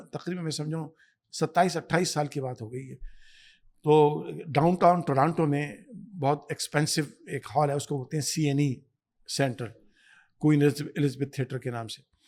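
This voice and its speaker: A man's voice: fairly high pitch, steady tone, a little mellow. A man, an imam and guest scholar, speaking emphatically in a podcast interview, preaching and telling stories. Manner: emphatic, storytelling, exhorting. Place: Canada.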